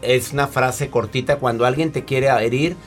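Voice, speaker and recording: A man's voice: medium pitch, fairly even intonation, normal speed, soft background music. A man hosting a talk show, chatting playfully with his guest and summing up her points. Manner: playful, joking, sums up points. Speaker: radio show host.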